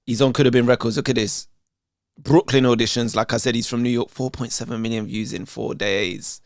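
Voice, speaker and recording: A man's voice: medium pitch, fairly even intonation, brisk, no echo, clean studio sound. A man, chatting casually while he reacts to videos, streetwise and loose. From England. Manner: chatty, streetwise, says "you know what I'm saying" often.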